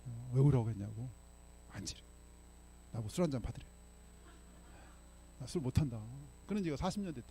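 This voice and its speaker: With a dark-toned, medium-pitched voice, an older pastor preaches briskly but pauses often, his intonation lively. His sermon in the church sanctuary unfolds as conversational stories punctuated by frequent "예?" to the congregation. A little background noise is audible.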